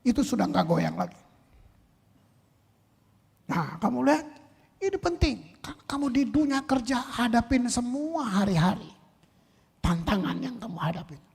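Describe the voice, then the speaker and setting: A male pastor preaching a sermon, firing rhetorical questions and swinging between loud and soft. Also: extremely high pitch, sing-song, normal speed, creaky, long pauses, breathy edge. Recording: long reverb in a large hall.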